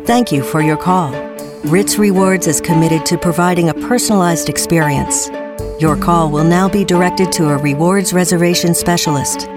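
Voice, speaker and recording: A woman reading a recorded phone menu message in a calm, formal, even way. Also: on the low side, moderate pace, music in the background.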